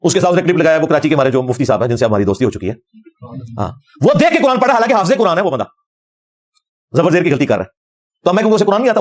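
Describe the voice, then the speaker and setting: Middle-aged male religious scholar, combative lecture delivery at a quick pace. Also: sits high. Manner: combative, fervent, quotes Arabic verses.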